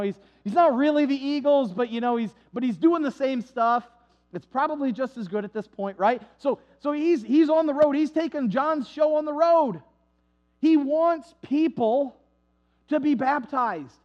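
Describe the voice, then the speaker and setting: A male pastor preaching a storytelling sermon, animated and conversational, with frequent asides to the congregation. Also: extremely high pitch. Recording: dull lo-fi sound.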